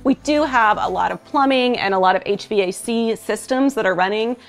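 Quick-talking upbeat woman host. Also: a little high, faint music behind. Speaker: house flipper host. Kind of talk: casual walkthrough chat. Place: house under renovation, indoors. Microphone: lapel.

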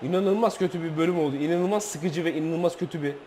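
A man commentating his own football video game, frustrated, shouting and swearing at his players. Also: a little high, fast, slight background noise. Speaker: gaming YouTuber.

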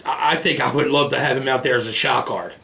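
An American man's medium-pitched voice comes fast and sharp, with vocal fry and fairly even intonation, as he argues emphatically and informally about sports on a podcast. He's using a boom-arm studio mic with a foam windscreen in a small indoor podcast studio.

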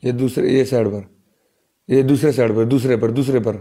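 A man with a gravelly, dark voice gives quick, bossy directions and says them again and again. He talks casually, as if lining up a photo on a phone. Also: mid-range voice, steady tone. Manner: bossy, repeats instructions. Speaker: vlogger.

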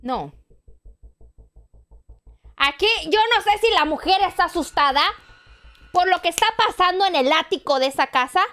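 A woman's voice: sits high, a bit bright. A woman in her twenties hosting a reaction video, chatting animatedly with jumpy exclamations. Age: 20s. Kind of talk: casual reaction commentary.

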